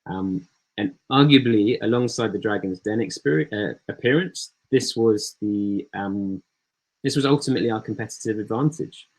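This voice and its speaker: A startup founder giving a slide presentation in an easygoing way, with many ums and uhs, over a video call. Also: male voice, fairly low pitch, normal speed, poor audio. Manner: relaxed, filler-heavy delivery.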